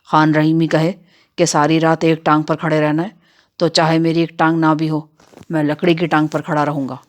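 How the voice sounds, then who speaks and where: Woman reader doing a mocking bandit chief, lowered rough voice, rustic and boastful, for an audio novel. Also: flat delivery, natural voice. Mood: menacing. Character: swaggering male bandit, bearded, menacing.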